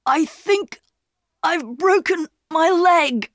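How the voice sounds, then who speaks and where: A woman voicing an injured boy in a red shirt who speaks haltingly, weak and in pain, in a storybook reading. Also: very high voice, lively intonation, no echo, studio quality, voice pushed up, heavily acted. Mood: hurting. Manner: faltering, halting speech.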